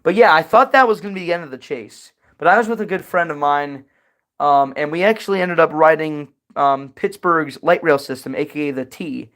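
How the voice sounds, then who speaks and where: A young man hosting a casual livestream Q&A, answering chat questions in a rambling, chatty way with lots of fillers and sudden excited bursts. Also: a little high, brisk.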